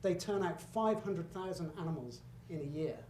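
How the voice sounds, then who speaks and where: A man's voice: fairly high pitch, lively intonation, moderate pace, a little mellow. Middle-aged man, guest lecturer, chatty and emphatic, roomy hall with faint background hum. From Britain. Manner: conversational and emphatic, with asides and self-corrections. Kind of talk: public lecture with slides. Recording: echoey hall, faint room noise.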